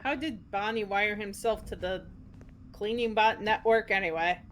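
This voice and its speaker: A woman's voice: mid-range voice, normal speed, a bit bright. A woman chatting casually and jokingly as a co-commentator on a game stream. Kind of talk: casual chat. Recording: clear background noise.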